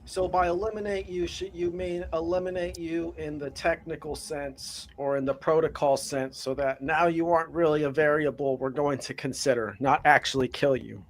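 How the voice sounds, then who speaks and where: Skeptical higher-voiced man. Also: fairly even intonation, normal speed, few pauses. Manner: probing, skeptical questions. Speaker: podcast participant. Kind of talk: skeptical questioning.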